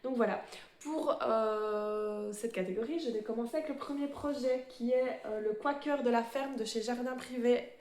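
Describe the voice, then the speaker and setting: A woman's voice: a little high, a little mellow, reverberant. A woman presenting her embroidery projects in a casual show-and-tell, a little nervous and hesitant, with many fillers and restarts. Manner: self-described fast talker, a bit nervous. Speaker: cross-stitch vlogger.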